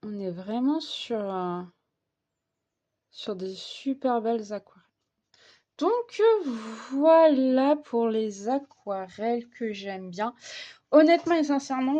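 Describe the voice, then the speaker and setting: Slow, hesitant woman with a high voice. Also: dark tone, lo-fi sound. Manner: hesitant, many fillers and restarts. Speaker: vlogger. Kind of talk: casual coloring vlog chat.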